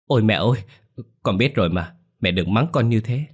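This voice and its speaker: A man's voice: fairly low pitch, lively intonation, brisk, slightly rough. A man voicing a timid middle-aged daughter-in-law who stammers and pleads. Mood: pleading.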